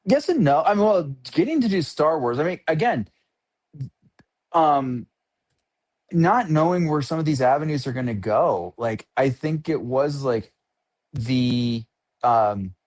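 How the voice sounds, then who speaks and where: A man's voice: a little high, expressive, unhurried, pauses often, a little mellow. A man in his fifties, a guest artist in a casual interview, speaking in an easygoing way with frequent hesitations and ums. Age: 50s.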